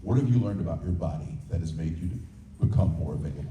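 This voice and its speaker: A man's voice: low voice, lively intonation, fast, muffled recording. A man working as a TV sports reporter, putting questions to a player at a press conference. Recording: echoey room, distant mic, faint noise.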